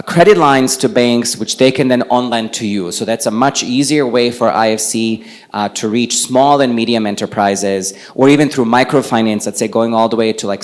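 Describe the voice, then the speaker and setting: A man from Bosnia, not a native English speaker, giving a relaxed, conversational presentation into a handheld mic at a conference. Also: medium pitch. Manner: relaxed, conversational, walks around while speaking. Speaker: panel speaker on climate finance. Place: conference venue with a live audience. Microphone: handheld microphone.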